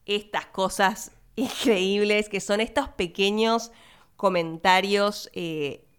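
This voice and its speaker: A young Argentine woman, not from Buenos Aires, hosting a podcast and chatting casually about a film, laughing and speaking quick asides to her listeners. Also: medium pitch, smooth. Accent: Argentine Spanish, not Buenos Aires. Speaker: podcast host.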